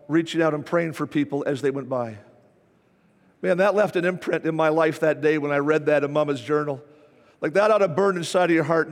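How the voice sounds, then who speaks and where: A man preaching a sermon as pastor, repeating his phrases with emphasis. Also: fairly high pitch. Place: church sanctuary. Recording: reverberant church hall.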